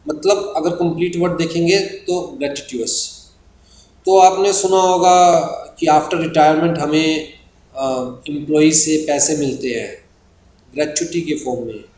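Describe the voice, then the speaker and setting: Indian man teaching, slightly high voice. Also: darkish tone. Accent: Indian English. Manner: explains terms patiently, slows down when reading definitions. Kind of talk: recorded exam-prep lecture. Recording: echoey room with faint hiss.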